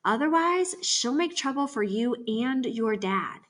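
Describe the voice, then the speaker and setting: Woman reading a storybook as a steady tomboy girl, plain-spoken, bright tone. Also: a little high, a little slow. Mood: matter-of-fact. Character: sturdy tomboy girl, calm and matter-of-fact.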